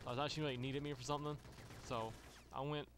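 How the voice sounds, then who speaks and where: A man's voice: medium pitch, fairly even intonation, a little fast, noisy background. A man telling a long story in a loose, profane, rambling way, with lots of restarts and fillers. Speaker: gaming channel host. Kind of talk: rambling storytelling over gameplay. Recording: gunfire from game audio behind. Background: video game gunfire.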